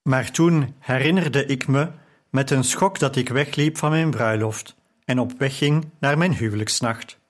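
Man with an evenly measured reading voice. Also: mid-range voice. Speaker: audiobook narrator. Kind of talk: scripted narration.

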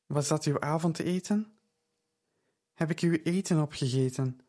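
A man voicing a humble, grateful young homeless girl who speaks softly and apologetically in an audiobook. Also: on the high side, a little slow. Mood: timid grateful. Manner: soft, timid and apologetic.

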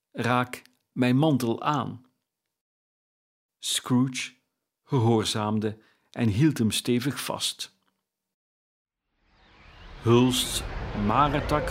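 A man reading a classic story aloud as an audiobook narrator, measured and deliberate. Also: medium pitch.

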